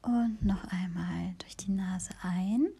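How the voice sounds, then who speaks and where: Slow, gravelly whispering woman. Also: fairly low pitch. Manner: slow, soft, soothing whisper. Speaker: podcast host and meditation guide. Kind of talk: whispered guided meditation.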